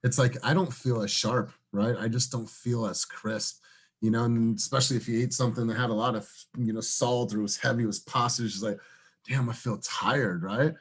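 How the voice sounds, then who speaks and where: A man's voice: mid-range voice, flat delivery, brisk, husky. A man leading a casual team meeting over a video call, calling on people by name and encouraging them. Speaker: team leader. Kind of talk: casual group meeting chat.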